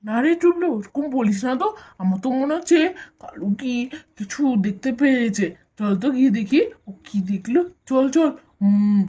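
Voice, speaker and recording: A woman voicing a gentle, motherless young boy who speaks earnestly and soothingly in a doll cartoon. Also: fairly high pitch, expressive, moderate pace. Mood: coaxing. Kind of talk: doll story voice acting.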